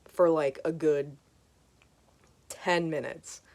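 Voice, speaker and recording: A woman in her twenties telling a story casually at home, animated and swearing freely. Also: deep voice, takes it slowly. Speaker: vlogger. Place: hot room at home with a fan on. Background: faint fan hum.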